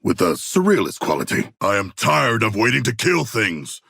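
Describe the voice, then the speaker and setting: A man playing a hulking shark-man warrior in a video game, with a rough gravelly voice and stilted, formal, proudly bloodthirsty yet earnest speech. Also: lowish voice, very animated, normal speed, sharp tone, dry recording, clean studio sound, full character voice. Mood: dry, deliberate. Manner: stilted formal diction, grandiose, literal-minded. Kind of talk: video game character voice lines.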